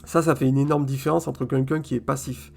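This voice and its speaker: A man vlogging a casual opinion monologue straight to his viewers, colloquial, stumbling over repeated words and filling pauses with "euh", checking in with "ok?". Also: mid-range voice, level tone, creaky, soft background music. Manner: addresses viewers directly, "si vous voulez", "ok?".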